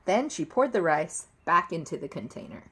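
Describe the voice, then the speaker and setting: A woman reading a children's story aloud in an expressive storytelling style. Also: on the low side, moderate pace, a little hiss or hum. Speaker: storybook reader.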